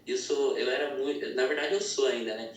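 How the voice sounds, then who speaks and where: A young man tells his faith story in an easy, conversational way, often checking in with listeners with a quick tag question. He is recorded from a distance, and his voice rings out in a very reverberant church hall. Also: mid-range voice. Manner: conversational storytelling with frequent "né?" tags. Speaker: church member giving testimony. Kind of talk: testimony at a prayer meeting.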